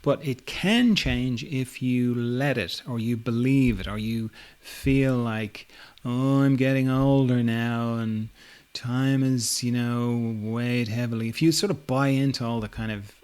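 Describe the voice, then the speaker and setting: Middle-aged guy musing on a spiritual podcast, relaxed, lots of "you know"s, medium pitch. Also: a little slow, smooth. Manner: relaxed, musing, with many "you know" fillers and soft laughs. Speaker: podcast host. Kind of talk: reflective spiritual talk.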